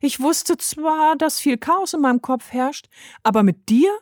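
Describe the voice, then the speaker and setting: A woman voicing an excitable, outspoken little girl who blurts out her words eagerly, in a storybook reading. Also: high-pitched, a little slow, no echo, clean studio sound, pitched above the performer's own voice. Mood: excited. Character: excitable, forthright young girl.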